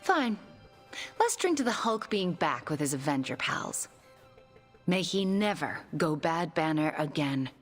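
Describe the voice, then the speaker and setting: Here the witch's actress sits low in her register, very animated and slightly slow, over faint background music. The character remains sardonic, blunt and self-doubting, with a wry mood, in this video game cutscene performance.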